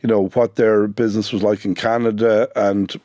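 A man's voice: fairly low pitch, level tone, normal speed, warm tone, no room sound, clean studio sound. A middle-aged man with a west of Ireland accent, telling his own story conversationally as a business owner in a radio interview. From Sligo, west of Ireland.

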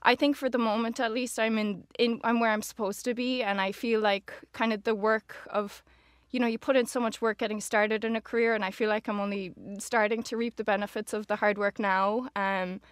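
A woman's voice: fairly high pitch, fairly even intonation, a little fast, dry recording, studio quality. A woman in her twenties with a west of Ireland accent, chatting informally as an interview guest, often saying "like" and "kinda". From Galway, west of Ireland. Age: 20s. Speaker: interview guest, social media manager. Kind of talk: casual conversational interview.

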